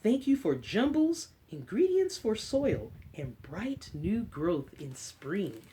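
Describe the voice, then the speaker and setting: A woman hosts a children's story time, reading a picture book aloud in an expressive, drawn-out way and adding chatty, encouraging asides. Her voice is medium in pitch, with a little hiss or hum in the recording.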